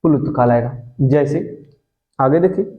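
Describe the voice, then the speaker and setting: A man with a mid-range voice teaches exam students a grammar lesson at normal speed, stretching vowels as demonstrations and answering the questions he poses himself. The audio is dull and lo-fi, recorded in an echoey room.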